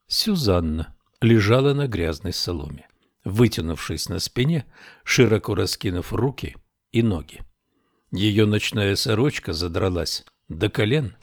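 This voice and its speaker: Deep-voiced male audiobook narrator. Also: a little mellow, no echo, clean studio sound. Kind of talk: scripted narration.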